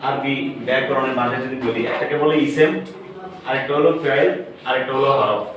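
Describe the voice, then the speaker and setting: A man's voice: mid-range voice, fairly even intonation, brisk, crowd noise. A man teaching an Arabic lesson, often repeating words and quizzing his listeners on them. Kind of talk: classroom lesson. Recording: echoey room, far from the mic, faint noise.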